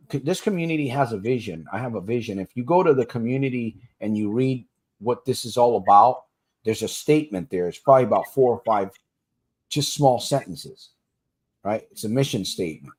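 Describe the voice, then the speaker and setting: A man's voice: medium pitch, animated, a little fast, darkish tone, husky. Plain-spoken man coaching listeners. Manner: laughs easily between points. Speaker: podcast host for gamblers in recovery. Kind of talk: casual livestream talk.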